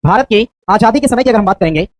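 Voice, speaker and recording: A woman teacher coaching a class for an exam, quizzing students with rapid, repeated questions. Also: medium pitch, expressive, darkish tone, dry recording, low-quality recording.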